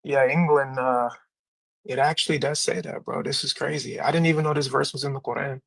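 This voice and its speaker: A man's voice: mid-range voice, steady tone, brisk, creaky, a bit bright, no echo. A man chatting casually during a debate, saying bro and crazy. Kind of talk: casual chat.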